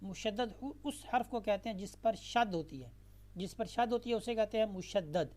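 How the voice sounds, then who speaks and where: A woman teaching a tajweed lesson. She moves between slow, drawn-out chanted recitation and brisk spoken explanation, and repeats words patiently for the learner. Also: medium pitch, expressive, a little mellow.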